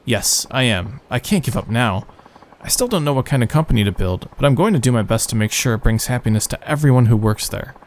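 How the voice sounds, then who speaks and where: A man's voice: mid-range voice, lively intonation, a little fast, slight background noise, lightly acted. A man with a nasal, phlegmy morning voice reading the lines of an eager young man starting a business in a game. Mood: earnest. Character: earnest young male would-be company founder.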